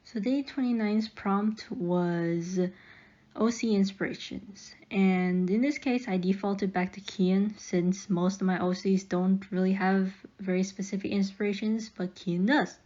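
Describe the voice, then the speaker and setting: A woman's voice: medium pitch, steady tone, a little slow, warm tone, muffled recording. A young woman casually narrating a speedpaint voiceover, chatty and rambling, with fillers and light laughs. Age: young adult.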